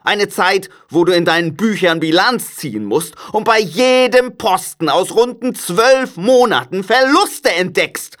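Man reading as a bitter old miser, grumbling, scornful, higher-pitched, slow sneering, audiobook. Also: animated, fairly bright tone.

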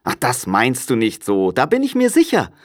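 A man voicing a cheerful, warm-hearted young man in an audiobook reading, bright and pleading. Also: medium pitch, wildly swooping pitch, moderate pace, pitched above the performer's own voice.

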